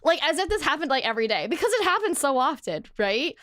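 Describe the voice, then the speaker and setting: A woman's voice: high-pitched, sing-song, fast talker, fairly bright tone, no echo, studio quality. A woman hosting a podcast, telling stories in a casual chat with lots of fillers and laughter. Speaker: podcast host.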